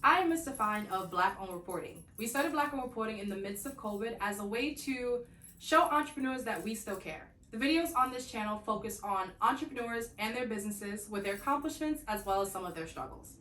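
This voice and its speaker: A woman's voice: on the high side, expressive, brisk, pushed and bright, slight background noise. A woman hosting an interview, speaking in an enthusiastic, upbeat manner. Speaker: host, interviewer. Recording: echoey room, far from the mic.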